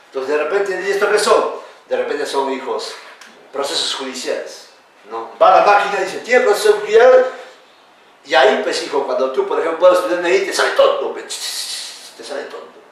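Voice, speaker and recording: A man teaching a class, lively and questioning, calling his students "hijo". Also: on the high side, a little fast, a little hiss or hum. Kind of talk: classroom lecture. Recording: echoey room, speaker far from the mic.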